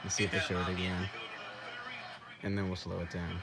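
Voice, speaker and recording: A young man casually commenting over game footage as a channel host, excitable, repeating himself and acting out what the people on screen might be saying. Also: sits low, brisk, creaky, very noisy. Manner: excitable, repeats himself, acts out quoted dialogue.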